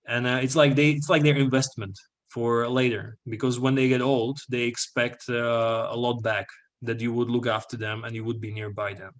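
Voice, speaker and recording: A young man presenting slides to an audience, explaining at length with frequent fillers and "all right?" check-ins. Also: mid-range voice.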